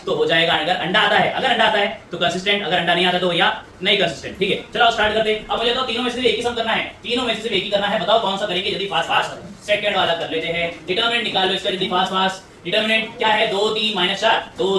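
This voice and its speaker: A man teaching maths in a classroom, talking briskly, repeating himself and coaxing students along, heard from a distant mic. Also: sits high, pushed and bright. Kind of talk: classroom lecture. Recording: echoey room, voice from afar, faint hum.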